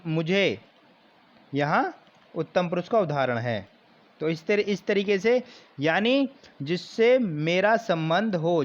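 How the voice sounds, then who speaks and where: A man teaching a grammar lesson for exam preparation, explaining slowly and repeating key terms. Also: sits high, highs cut off.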